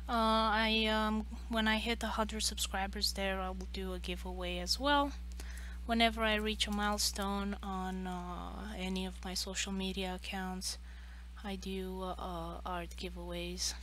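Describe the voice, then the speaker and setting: A woman's voice: mid-range voice, little pitch movement, unhurried, fairly bright tone, a little hiss or hum. A woman in her late twenties chatting casually on a livestream, hesitant and rambling as she talks. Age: late 20s. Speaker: streamer and artist.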